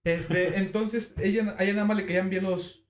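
A young man with a Mexican Spanish accent telling a school story in casual chat, joking and animated, with lots of slang. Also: sits high, moderate pace, a crowd in the background. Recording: echoey room, faint background hum.

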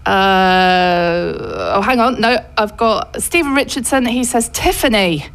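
A woman's voice: mid-range voice, unhurried, a bit bright, clean tone. A woman chatting casually on the radio as she reads out listener messages.

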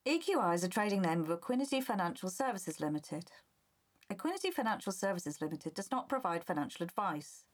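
A woman's voice: lowish voice, sing-song, fairly quick. A woman reading a scripted legal disclaimer in a formal, impersonal way.

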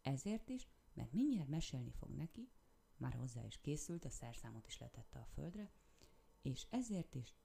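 Woman, storybook narration, expressive, creaky, dark tone. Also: a bass voice. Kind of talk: storybook reading.

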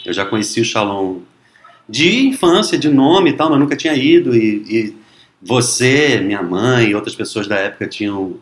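Male host, mid pitch, friendly questioner, echoey room. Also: lively intonation, normal speed. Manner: friendly, affirming, asks questions. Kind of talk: casual interview.

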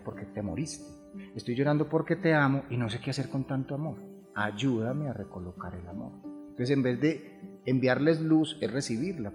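A man speaks in a calm, explanatory way, often posing a question and then answering it himself. His voice sits in the middle range. It rings with a long hall reverb over faint background music. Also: medium pitch. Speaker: grief therapist guest. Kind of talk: reflective podcast conversation.

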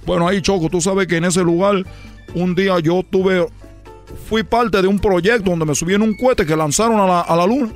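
A man voices a boastful, excitable baseball player, a recurring comedy character on a radio show, in a lightly acted sketch at normal speed. His high, squealing voice rambles, shouts catchphrases, and laughs at his own jokes over a faint music bed.

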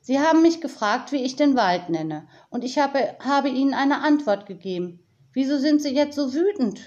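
A woman voicing a flustered, earnest forest girl who speaks high and quickly in a storybook reading. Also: lively intonation, a little mellow, highs cut off. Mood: pleading.

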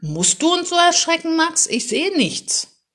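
A woman's voice: extremely high pitch, sing-song, measured pace, a bit bright, voice pushed up, heavily acted. A woman voicing a startled mother who scolds her son in a raised voice. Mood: scolding.

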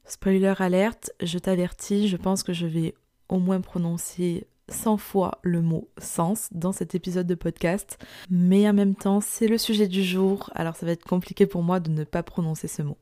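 A woman's voice: fairly low pitch, steady tone, normal speed, mellow, no room sound, studio quality. A young woman with a morning voice, hosting a solo podcast in an informal, reflective storytelling style, speaking directly to the listener. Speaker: podcast host, entrepreneur and part-time lecturer.

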